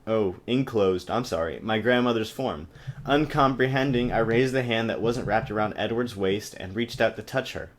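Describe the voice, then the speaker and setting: On a choppy amateur webcam recording with a little hiss or hum, a man with a lowish voice reads a novel aloud at a moderate pace. He hams it up theatrically as an amateur reader and comic commentator, mocking the book with sarcastic asides.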